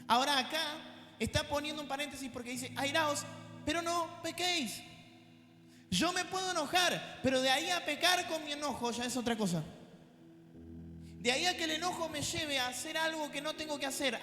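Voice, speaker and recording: A male pastor with a Rioplatense accent preaching a sermon, animated and dropping joking asides to the congregation. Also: very high-pitched. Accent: Rioplatense Spanish. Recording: echoey church hall with faint music.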